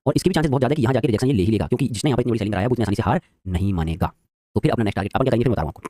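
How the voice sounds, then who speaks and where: Man, trading teacher, very fast talk, mellow dry voice. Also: mid-range voice, lively intonation, dry recording. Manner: rapid, quizzing the viewers. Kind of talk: live-streamed trading lesson.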